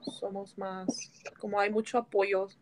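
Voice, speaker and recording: A young woman from the United States answering interview questions slowly, with many pauses and fillers. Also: medium pitch, little pitch movement, a little mellow, slight background noise. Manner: slow, hesitant, many fillers. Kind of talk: casual Spanish interview.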